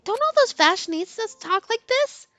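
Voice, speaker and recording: Woman voicing a high, bright, lovestruck teenage girl. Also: lively intonation, normal speed, no echo, soft background music. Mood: eager, showing off. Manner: gushing, dramatic, insistent. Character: boy-crazy, pushy, bubbly fifteen-year-old girl in love. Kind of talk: expressive character reading of game text.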